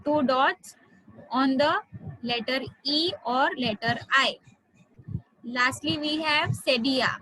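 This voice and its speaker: An Indian woman teaching a French class online, explaining slowly, spelling words out and switching into Hindi. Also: sits high, fairly bright tone, slight background noise, low-quality recording.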